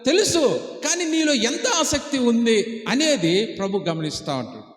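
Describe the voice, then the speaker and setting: A man's voice: very high-pitched, big pitch swings, measured pace, soft background music. A man preaching as a pastor, asking rhetorical questions and urging the congregation to answer aloud. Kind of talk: Telugu sermon on fasting prayer. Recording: echoey church hall reverb.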